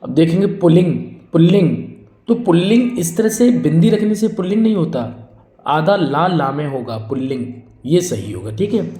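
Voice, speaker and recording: Echoey Hindi teacher drilling spellings. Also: male voice, a little high, lively intonation, moderate pace, dark tone. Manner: repetitive drilling, asks then answers his own questions; addresses students as friends and brother. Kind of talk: exam-prep spelling lesson.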